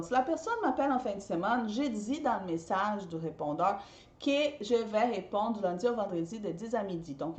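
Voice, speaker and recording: A chatty woman, not a native speaker of the language, talks directly to her viewers and often repeats her points. Her voice sits at a middle pitch. The room is roomy and echoey. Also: darkish tone, dull audio. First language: not French. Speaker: party decorator and business coach. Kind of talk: casual advice talk to viewers.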